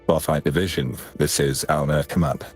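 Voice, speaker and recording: A man playing a stern marine major in a roleplay game, speaking in formal military radio style through a voice changer that lowers the voice and sometimes clips. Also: fairly even intonation, normal speed, faint music behind. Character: stern male marine major commanding a battered base. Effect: voice changer that lowers the voice, sometimes clipping. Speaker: player in a space roleplay game.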